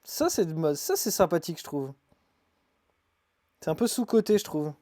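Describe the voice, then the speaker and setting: A man live-streaming as he sorts his isopod boxes, muttering asides with quick bursts of excitement. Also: a little high, no echo, studio quality. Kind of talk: casual live-stream chat while handling animals.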